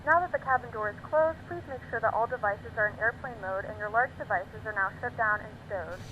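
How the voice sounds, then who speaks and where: A woman's voice: fairly high pitch, a little fast, narrow, tinny audio. A woman flight attendant reciting a formal, scripted airline safety announcement. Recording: loud aircraft cabin noise. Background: airplane drone.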